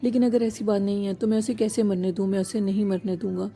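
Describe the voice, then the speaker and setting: A woman's voice: medium pitch, flat delivery, mellow, natural voice. Woman reading a weeping village man. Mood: pleading. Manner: tearful, pleading. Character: weeping young village man pleading for his sister.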